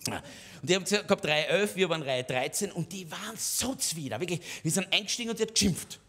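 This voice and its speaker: A male cabaret comedian with an Austrian accent tells his routine in a chatty, conspiratorial way, often tossing in little tag questions to the listener. His voice sits a bit higher than most men's. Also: animated, fast, a bit bright, breathy edge. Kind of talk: stand-up cabaret monologue.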